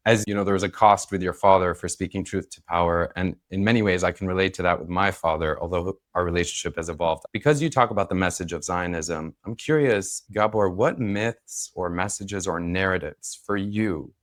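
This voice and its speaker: A man's voice: sits low, fairly quick, hardly any pauses, dry recording, clean studio sound. A man interviewing his guest, asking earnest and curious questions.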